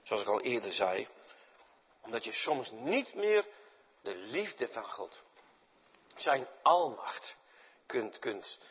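Male preacher, lively delivery, slightly husky voice, echoing church hall. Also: mid-range voice, slow pace, long pauses. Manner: dramatic swings from loud to near-whispered. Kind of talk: sermon. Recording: dull sound with long reverb in a large hall.

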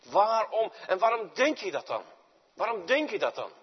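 Male preacher, lively delivery, slightly husky voice, echoing church hall. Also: sits high, moderate pace. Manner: dramatic swings from loud to near-whispered. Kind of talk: sermon. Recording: dull sound with long reverb in a large hall.

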